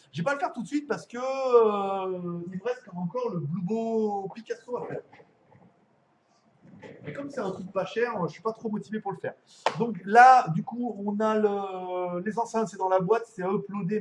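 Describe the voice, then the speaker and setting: Guy doing a phone live stream at home, high voice, rambly, laughs a lot and swears. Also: normal speed, slight background noise. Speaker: tech reviewer hosting a live stream. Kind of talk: casual live stream chat.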